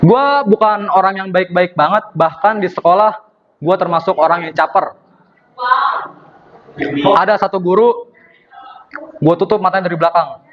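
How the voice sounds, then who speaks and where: A man's voice: sits high, normal speed, long pauses, highs cut off. A young male student performing stand-up comedy, acting out the people in his stories with changed voices. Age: young adult. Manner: acts out dialogue, switching voices for characters. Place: performance room at a university.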